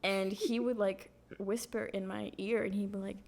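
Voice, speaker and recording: A young woman co-hosting a podcast, telling stories in a casual, animated way with lots of fillers. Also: medium pitch, normal speed, creaky, slight background noise. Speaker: podcast co-host. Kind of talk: casual chat.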